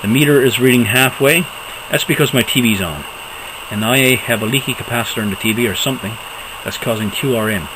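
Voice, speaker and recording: A hobbyist presenter, male, casually walks through some equipment without a script, pausing and thinking out loud along the way. His voice sits in the mid range, and there's noise in the background.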